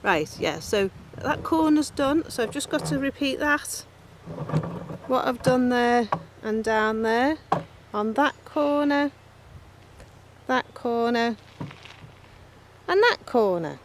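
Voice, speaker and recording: A woman's voice: a little high, animated, takes it slowly, pauses often. A woman with a Scouse accent explaining a garden build in a chatty, blunt, self-deprecating way, recorded outdoors in a rural garden. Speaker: vlogger. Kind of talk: casual how-to narration. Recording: outdoor recording with loud background noise. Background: cows and a passing plane.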